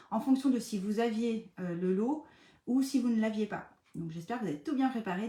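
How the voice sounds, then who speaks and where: A woman's voice: fairly high pitch, darkish tone. A middle-aged woman from western France hosting a live paper craft tutorial from home, chatty and playful, with many hesitations. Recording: echoey room.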